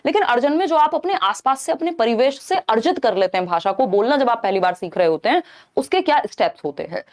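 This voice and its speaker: A woman with a slightly high voice teaches a live online exam-prep class. She breaks each point down step by step, mixing in English terms and pausing often to check that her listeners are following. The voice sits close to the mic. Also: animated.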